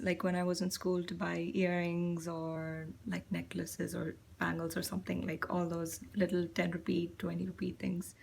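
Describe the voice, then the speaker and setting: A woman's voice: on the low side, vocal fry, darkish tone, a little hiss or hum. A young woman from India speaking to camera in a reflective personal monologue, hesitant and full of fillers. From Chennai, India. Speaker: vlogger.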